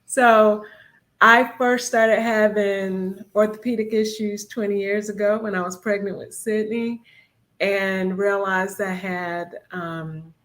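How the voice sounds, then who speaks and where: A woman in her fifties co-hosting a casual talk show, a little out of breath, chatty and quick to laugh. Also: mid-range voice, fairly even intonation, fairly bright tone. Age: 50s. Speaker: co-host.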